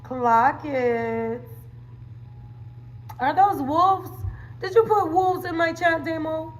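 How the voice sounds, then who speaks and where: Speaking slowly in a high-sitting voice, a woman hosts a casual livestream, bantering with her viewers. She works as a wellness coach and keeps the chat playful and slangy, with catchphrases and lots of laughter.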